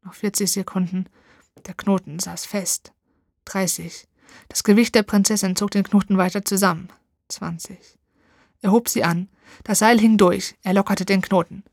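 A woman's voice: mid-range voice, normal speed, no room sound, clean studio sound. Woman narrating a fairy tale dramatically. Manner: expressive, dramatic reading. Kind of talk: storybook narration.

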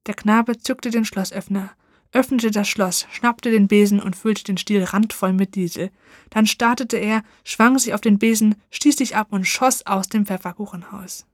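A woman's voice: mid-range voice, normal speed, no room sound, studio quality. Woman narrating a fairy tale dramatically. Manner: expressive, dramatic reading. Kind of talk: storybook narration.

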